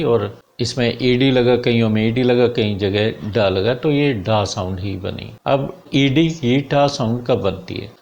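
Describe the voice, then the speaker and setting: A male teacher explaining English sounds to his students at an unhurried, deliberate pace. He repeats each example word several times so the class can catch it, speaking to them directly in a plain, mid-pitched voice. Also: a little mellow. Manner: slow, repeats example words one by one to drill them; addresses students directly as dear students.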